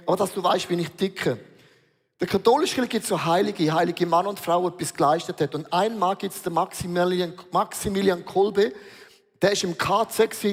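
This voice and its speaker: Man, pastor's sermon, emphatic storytelling, high voice, long hall reverb. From Switzerland. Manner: emphatic, storytelling, mixing in English words. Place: large church hall.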